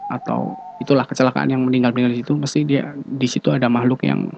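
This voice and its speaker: A man calmly recounting his own ghost encounters in a casual interview, hesitating often. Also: mid-range voice, quick pace, vocal fry, a little hiss or hum. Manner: relaxed, hesitant, many fillers. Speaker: guest telling ghost experiences. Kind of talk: casual storytelling. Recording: dull lo-fi sound.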